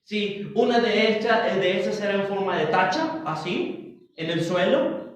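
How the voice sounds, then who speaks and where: Slow-speaking pastor in a roomy church. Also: male voice, high-pitched, lively intonation. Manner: slow, halting, with frequent restarts and asides to the congregation. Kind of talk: Bible study sermon. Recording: roomy church hall, mic at a distance.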